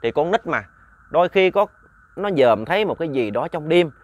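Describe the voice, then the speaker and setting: A man's voice: on the high side, expressive, moderate pace, no room sound, muffled recording. A man narrating a ghost story in a chatty, casual way, often repeating words and talking to listeners like family.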